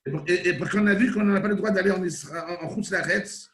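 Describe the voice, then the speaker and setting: A man's voice: sits high, brisk, a bit bright. A man, a student, asking hesitant questions in an online class, stammering as he speaks.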